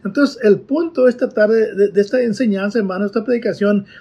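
Earnest male preacher, husky and high-pitched, sermon delivery full of fillers. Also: a little fast, mellow, highs cut off. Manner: earnest, repeats "hermanos" and fillers.

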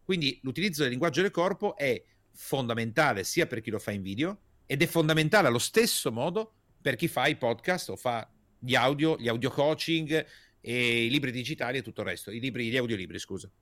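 A man's voice: medium pitch, brisk, no room sound. Emphatic man explaining on a podcast. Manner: emphatic, animated delivery with repeated key words and rhetorical questions; gestures while speaking, energetic. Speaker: communication coach, podcast guest.

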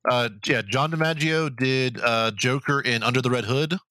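A man's voice: mid-range voice, steady tone, moderate pace, pushed and bright, no echo. A man co-hosting a podcast in casual chat, rambling and profane with many restarts. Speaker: podcast co-host.

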